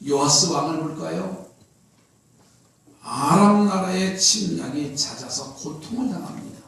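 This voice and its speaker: A high-pitched male pastor delivering a Sunday sermon, slowing down to stress key words and rising into sudden loud cries. His voice rings through a very echoey church hall, picked up from some distance away. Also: animated. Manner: preaching with slow emphatic swells and sudden loud cries. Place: church sanctuary.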